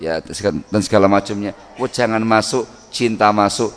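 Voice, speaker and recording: A middle-aged man preaching a sermon on family life, lively, acting out home scenes in sudden loud voices. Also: fairly low pitch, normal speed. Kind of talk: Islamic sermon.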